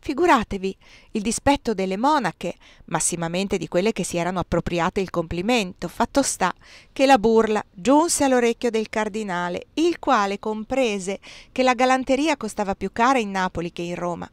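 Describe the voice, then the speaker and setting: A woman reading a nineteenth-century memoir aloud, with expressive, lively storytelling. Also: mid-range voice, normal speed, dry recording. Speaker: reader. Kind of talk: literary audiobook reading.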